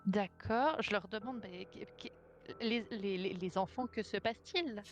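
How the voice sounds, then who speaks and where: A woman's voice: mid-range voice, measured pace, highs cut off, faint music behind. A woman playing a tabletop role-playing game, chatting casually and asking the game master many questions. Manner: curious, asks many questions. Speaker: player.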